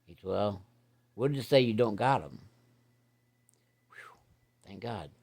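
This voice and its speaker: A middle-aged man with a fairly low voice spins a long yarn from his boyhood. He talks in plain, folksy country grammar, slipping into the voices of the people in his tale. His telling is easygoing and conversational. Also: animated, moderate pace, creaky, darkish tone, husky. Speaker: storyteller. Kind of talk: casual spoken storytelling.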